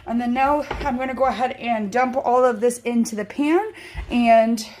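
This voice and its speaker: Her voice is on the high side with a darkish tone, at a moderate pace, and there's a little hiss or hum. This home cooking channel host does a casual, rambling tutorial in her kitchen on a handheld phone, saying um often. She thinks her voice sounds off.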